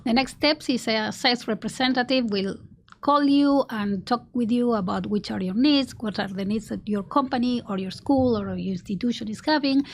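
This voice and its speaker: This guest, a marketing executive from Argentina whose first language is Spanish, speaks with a fairly high pitch at a moderate pace. She answers earnestly, often starting over and letting out soft laughs.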